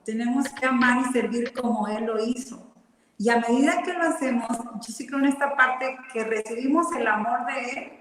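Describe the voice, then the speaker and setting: Una mujer que participa en una charla religiosa, lee una cita y reflexiona con seriedad. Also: female voice, fairly high pitch, a bit bright, distant mic. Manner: reads a quote, then reflects earnestly. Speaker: panelist. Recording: echoey room with long reverb.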